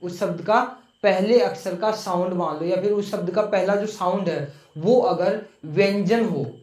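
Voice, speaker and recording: A man's voice: high-pitched, a little slow, darkish tone. A male online English teacher patiently explaining a grammar rule to viewers, repeating each point and asking rhetorical questions. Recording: echoey room.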